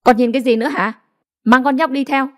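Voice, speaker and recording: A woman voicing a cruel, haughty young woman who speaks with sharp scorn and gives orders. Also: high-pitched, steady tone, quick pace, pitched above the performer's own voice, natural voice. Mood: commanding.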